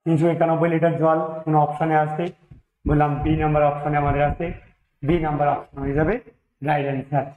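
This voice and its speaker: A man's voice: a little high, completely flat delivery, quick pace, phone-quality sound. Man teaching a maths lesson in an echoey room. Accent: Bengali. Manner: talks through sums step by step, mixing in English numbers. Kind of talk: exam-prep maths lesson, working problems aloud.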